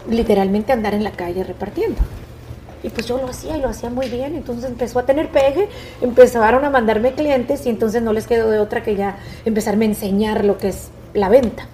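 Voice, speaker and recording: A middle-aged woman speaks as an interview guest. She tells her story in an animated, expressive way. Her voice sits a little high but sounds dark and mellow. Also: slight background noise. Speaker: guest, businesswoman.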